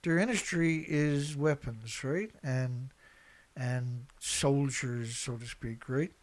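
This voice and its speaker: In a medium-pitched voice and at a slow pace, a man reads headlines as an online host and offers opinionated, unscripted commentary. He's blunt, colloquial, and emphatic, and repeats himself often.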